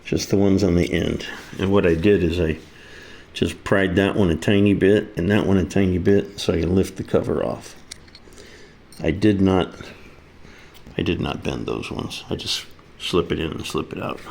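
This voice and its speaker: Speaking at a moderate pace in a low, creaky voice with a darkish tone, a man presents a repair video from his indoor kitchen. His demonstration is relaxed and practical, each step explained in plain, folksy talk.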